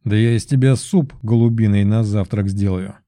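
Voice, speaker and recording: A man's voice: lowish voice, fairly even intonation, moderate pace, dark tone, no room sound, clean studio sound, natural voice. A man voicing a cold, threatening young mage student who speaks curtly. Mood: menacing. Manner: curt, menacing.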